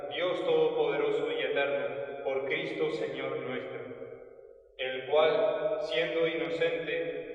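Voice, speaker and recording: A man with a Spanish accent from Spain, a priest leading Mass in a solemn, measured voice, sometimes chanting, with the echo of a cathedral. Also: a little high. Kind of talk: liturgical prayer, partly chanted. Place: large church. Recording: echoey church from far off, dull.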